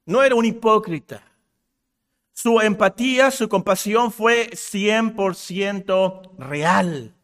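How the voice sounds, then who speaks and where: A man preaching a sermon, swinging from loud emphatic peaks to low hushed passages and calling the congregation brothers and sisters. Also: slow. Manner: addresses listeners as brothers and sisters.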